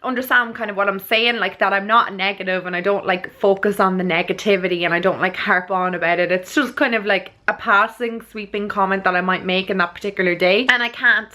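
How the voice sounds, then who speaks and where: A woman's voice: medium pitch, fairly even intonation, brisk, few pauses, pushed and bright. A woman with an Irish accent chatting casually to camera as a vlogger, earnest and rambling, often checking that she makes sense.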